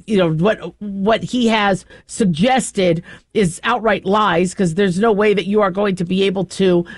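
A woman's voice: medium pitch, fairly even intonation, a little slow, dry recording. Middle-aged american lady talk radio host, rambles on with strong opinions, dry close sound. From southwestern United States. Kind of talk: casual talk radio monologue.

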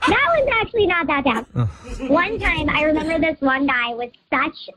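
A woman speaking through a voice changer that turns her voice high and childlike, casually telling a playful story as a guest. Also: animated, normal speed, crowd noise. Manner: playful, storytelling, laughs at her own pranks. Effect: voice changer shifting her voice higher and childlike. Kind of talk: casual chat. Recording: dull muffled voice-changer audio, dry.

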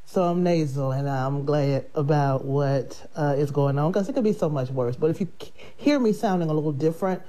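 On a laid-back radio program, a female host who also sells life insurance talks quite quickly in a deep voice. She comes across as warm, chatty, and grateful, laughing along, with a nasal tone from her sinuses.

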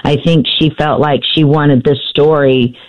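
A woman's voice: low-pitched, fairly even intonation, unhurried. A middle-aged woman, an author and radio guest, telling her family story hesitantly with many fillers and restarts, heard through a dull lo-fi AM radio sound. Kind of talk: radio interview, personal storytelling.

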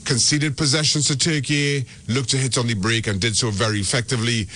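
A man's voice: mid-range voice, fairly even intonation, fairly quick, fairly bright tone, slight background noise. A man from Trinidad and Tobago, giving soccer analysis as a radio guest and often restarting his words. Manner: repeats and restarts words when making a point. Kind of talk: radio sports talk.

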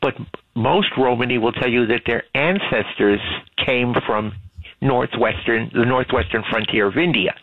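A man speaking as a guest on a talk-radio show, laying out what he knows in long, explanatory turns. His voice is gravelly and husky. It comes through a tinny phone line that squeezes the sound thin. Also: mid-range voice, moderate pace, no room sound. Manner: knowledgeable, explaining at length. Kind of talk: casual talk-radio conversation.

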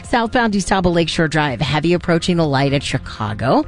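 Woman traffic reporter, loud dense radio read, packed and rapid, faint music underneath. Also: low voice, very animated.

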